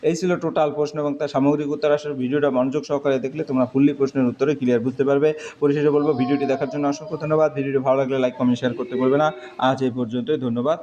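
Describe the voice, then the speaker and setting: A man's voice: medium pitch, little pitch movement, racing, mellow. A male teacher, walking through exam answers in short, clipped phrases. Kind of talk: exam answer walkthrough lesson. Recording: dull lo-fi recording with faint noise.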